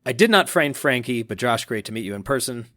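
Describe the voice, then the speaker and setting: A man co-hosting a casual podcast, reading listener messages aloud in an upbeat, animated way. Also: medium pitch, a little fast, no room sound, studio quality. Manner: upbeat, reads quotes aloud with animated emphasis.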